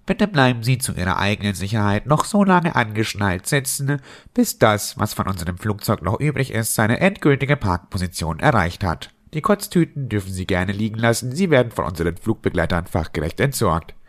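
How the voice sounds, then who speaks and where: Guy doing a fake pilot cockpit announcement, lowish voice, deadpan, swoops up and down. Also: fairly quick, few pauses. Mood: deadpan formal. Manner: formal deadpan announcer tone with dark jokes. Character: mock airline captain making a cabin announcement. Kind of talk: comedy podcast bit.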